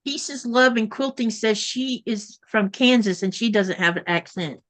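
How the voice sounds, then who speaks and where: A woman from Florida, at home in Greenland, helps host a casual sewing stream on a video call, reading comments from viewers and making conversation. She speaks at a measured pace in a slightly high voice.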